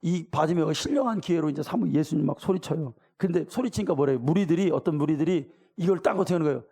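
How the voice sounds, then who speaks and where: A middle-aged pastor delivers a lively sermon in a gravelly, somewhat high voice. His tone is dark and mellow. He talks to his congregation in plain, colloquial words and keeps asking them questions. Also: quick pace. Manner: colloquial, animated preaching with direct questions to the congregation; acts out voices of the people in the story.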